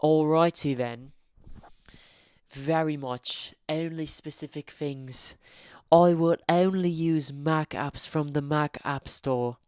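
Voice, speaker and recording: A man putting on a fake British accent to voice a smug, drawn-out Apple-loving tech snob. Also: fairly high pitch, steady tone, clear, resonant tone, no echo, clean studio sound, pitched above the performer's own voice. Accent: put-on British.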